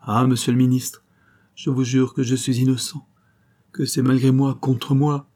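A man's voice: mid-range voice, little pitch movement, a little slow, warm tone, pitched above the performer's own voice, natural voice. A man doing a trembling, stammering official. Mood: distraught. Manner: stammering, pleading. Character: trembling male chief of staff, frightened.

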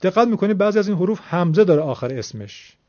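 A man's voice: high-pitched, animated, warm tone, dry recording, lo-fi sound. A man teaching Quran recitation, explaining patiently and formally step by step. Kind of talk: classroom-style explanation.

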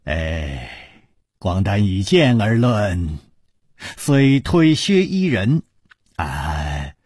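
A man voicing a polite young gentleman who sighs often and speaks with somber courtesy. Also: on the low side, very animated, very slow, slightly rough, no room sound, clean studio sound, pitched below the performer's own voice, heavily acted. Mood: courteous.

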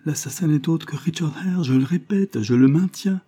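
A man's voice: a little high, moderate pace, mellow, husky, voice pushed up. A man voicing a passionate young woman in an audiobook, given to pleading, sobbing outbursts. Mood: distraught, vehement.

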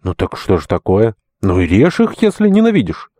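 A man voicing a brash, bullying man in an audiobook reading, with a loud, domineering bark. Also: lowish voice, huge pitch swings, normal speed, dry recording, clean studio sound.

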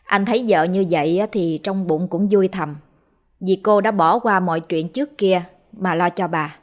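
A woman narrating a ghost story in a steady, unhurried way. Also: fairly low pitch.

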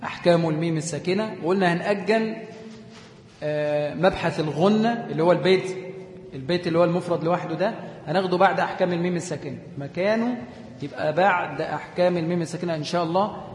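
A man's voice: sits high, fast, slight background noise. A man with an Egyptian accent teaching a classroom lesson, explaining step by step, repeating definitions and quizzing his students. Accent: Egyptian Arabic. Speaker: Quran recitation teacher. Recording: echoey room with long reverb.

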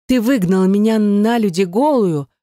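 An audiobook reader voicing a distressed young ex-wife who pleads in a raised, defensive voice. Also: female voice, fairly low pitch, fairly even intonation, brisk, mellow, no echo, studio quality, natural voice. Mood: upset. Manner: pleading, rising voice. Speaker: audiobook character. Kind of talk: audiobook reading.

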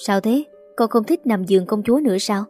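A woman voicing a gentle young mother who speaks calmly and soothingly to her child, with soft music behind. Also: mid-range voice, a little fast, lightly acted.

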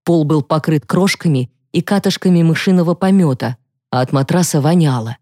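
A woman narrating a psychological thriller audiobook in the first person with a steady, measured reading. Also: low voice, no echo, clean studio sound.

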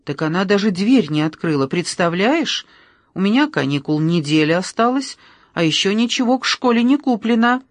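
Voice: medium pitch, animated, moderate pace, dry recording, natural voice. An audiobook reader voicing a complaining teenage schoolgirl with a whiny manner.

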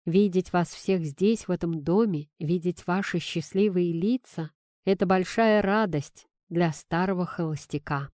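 A woman voicing a nervous, sentimental older bachelor who speaks with a trembling, halting, solemn voice. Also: lowish voice, mellow, no echo, studio quality, close to an everyday voice. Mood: tender, solemn.

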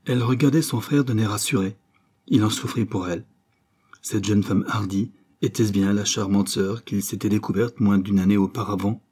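Man narrating a novel, measured pace, low voice, husky tone. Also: steady tone, a little mellow. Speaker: audiobook reader.

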